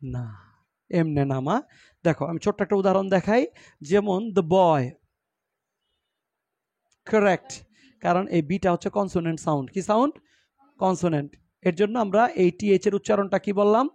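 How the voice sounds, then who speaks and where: A man's voice: high voice, moderate pace, creaky, a little mellow, no room sound. A man from Bangladesh teaching an English grammar class with a Bangladeshi accent, explaining in Bengali mixed with English and quizzing his students. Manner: explains in Bengali, mixing in English words and example sentences; asks the class questions and repeats answers.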